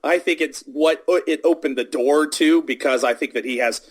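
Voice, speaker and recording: A man's voice: on the high side, normal speed. A man hosting a political podcast in casual chat, rambling with many restarts and filler words. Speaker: podcast host. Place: podcast studio, recorded in the US South.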